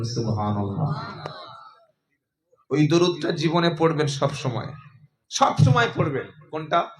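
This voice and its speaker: High, bright-voiced male preacher. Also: rough recording. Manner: lively, addressing the crowd and asking them to respond. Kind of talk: sermon.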